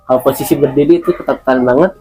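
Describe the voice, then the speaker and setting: A man's voice: mid-range voice, very fast, dark tone, husky, soft background music, low-quality recording. A man guest in an interview, recounting a personal experience in a hesitant way, repeating words and using many fillers.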